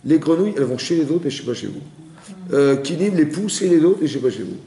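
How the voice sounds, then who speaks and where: A man teaching a lively Torah class, firing rapid questions at his listeners and acting out cries. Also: on the high side, echoey room. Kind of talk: lively interactive Torah lesson.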